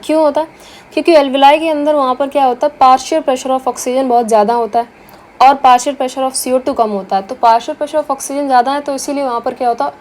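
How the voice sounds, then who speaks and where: A woman with a high-pitched voice teaches biology in a lecture, mixing in terms. She keeps asking rhetorical questions and answering them herself. A faint hiss sits under the recording. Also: a little mellow. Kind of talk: explanatory lecture.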